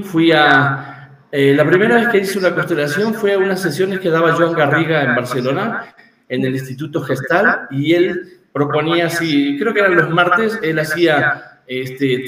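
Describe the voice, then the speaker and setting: A man's voice: a little high, fairly bright tone. Man telling a story, echoey distant sound. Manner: reflective, frequent fillers like "este". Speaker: therapist and guest. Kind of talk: casual storytelling interview. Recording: echoey room, distant from mic.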